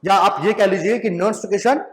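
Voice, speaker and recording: A man's voice: high-pitched, brisk. A young man giving a chemistry lecture to students, repeating his questions back to them and often asking "right?". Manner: mixes in English phrases. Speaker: chemistry teacher. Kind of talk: classroom lecture at a whiteboard.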